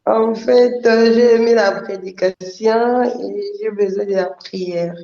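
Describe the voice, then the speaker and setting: A woman caller phones in to a prayer broadcast, her voice gravelly and mellow. The call-in line sounds dull and roomy, with a faint hiss. She talks softly and haltingly, repeating words. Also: mid-range voice, fairly even intonation. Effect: call-in voice over a remote line.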